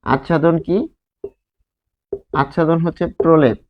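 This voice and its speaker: In a Bangladeshi Bengali accent, a man at a whiteboard walks through grammar slowly, repeating words and asking rhetorical questions. He speaks with a fairly high pitch and fairly even intonation, and the highs in the recording are cut off.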